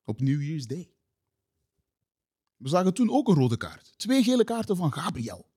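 A man's voice: a little high, big pitch swings, a little slow, warm tone, husky. A man running a casual football quiz, playful and slipping into English phrases. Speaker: quizmaster on a football talk show. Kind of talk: casual quiz hosting with banter.

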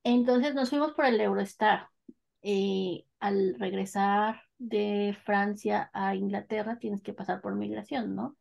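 A woman telling a personal story in an animated, casual way, laughing as she goes. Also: mid-range voice, slow, vocal fry, muffled recording. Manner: animated, lively, laughs between phrases.

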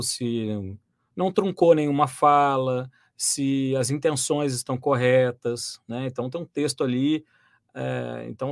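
A man from Brazil, a voice actor and dubbing director, explaining his work in a lively interview, with many restarts and fillers. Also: medium pitch, no room sound, studio quality. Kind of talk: interview conversation.

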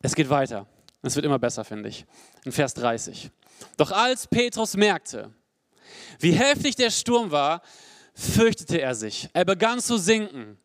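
Young male preacher, earnest and personal sermon delivery, pitched a bit high, dry close sound. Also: big pitch swings, measured pace, dry recording. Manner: earnest and personal, swings between emphatic highs and quiet low passages.

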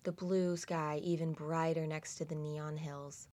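A woman narrating a guided meditation slowly and soothingly, in a hushed delivery with long pauses. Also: low voice, flat delivery.

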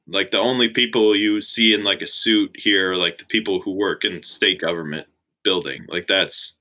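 Bright-voiced young man chatting casually. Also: sits low, poor audio. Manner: relaxed, many "like" fillers. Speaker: interview guest. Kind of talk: casual chat.

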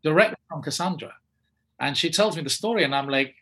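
An English man, an actor, telling a lively anecdote in a casual interview and acting out the other people's lines. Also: on the high side, fast talker, slightly rough. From England. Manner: animated storyteller acting out quoted voices. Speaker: actor guest.

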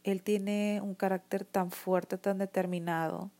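A woman's voice: medium pitch, flat delivery, a little slow, dark tone. A woman with a Mexican accent telling her own story to camera in an earnest, emotional way, often restarting her sentences. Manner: earnest and emotional, many restarts and "o sea" fillers. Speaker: vlogger sharing her experience. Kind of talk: personal testimony talk to camera.

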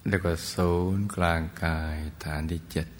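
A man gently guiding a seated meditation, speaking slowly and calmly to his listeners. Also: deep voice, slight background noise. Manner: slow, gentle, soothing guidance. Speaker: meditation teacher. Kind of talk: guided meditation instruction.

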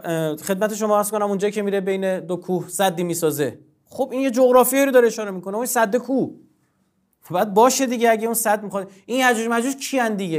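A man as guest scholar in a discussion of religion, lecturing in a formal, emphatic way and often repeating himself. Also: sits high.

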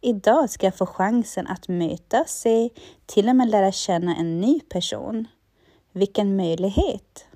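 A woman slowly and calmly leading a listener through spoken affirmations, pausing for them to repeat each line. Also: medium pitch, no room sound, studio quality. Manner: slow, calm, repeats lines for the listener. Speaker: affirmation guide.

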